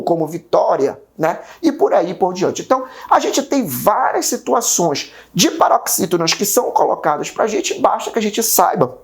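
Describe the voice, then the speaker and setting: Brazilian lady teaching grammar online, upbeat, voice swoops up and down a lot. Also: lowish voice. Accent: Brazilian Portuguese. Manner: upbeat, repeats rules in sing-song chants.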